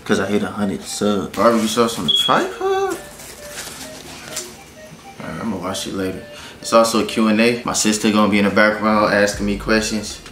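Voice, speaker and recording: A man's voice: fairly low pitch, very animated, moderate pace, reverberant, over music. A nineteen-year-old man chatting casually and in slang while taking on an eating challenge. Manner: laid-back slangy talk. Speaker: YouTuber doing an eating challenge. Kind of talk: casual chat.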